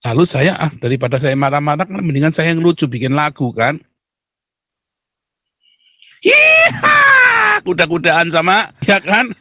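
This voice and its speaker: A man argues to his viewers in a sarcastic, theatrical monologue. His voice sits high, and he keeps turning back to the listeners to press his point. The sound is dry and close, with no room echo. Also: lively intonation, brisk. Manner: mocking, theatrical, repeatedly addresses listeners as "saudara"; jumps into high shouted voices when mimicking critics. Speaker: religious debater addressing viewers. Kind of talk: polemic monologue to an audience.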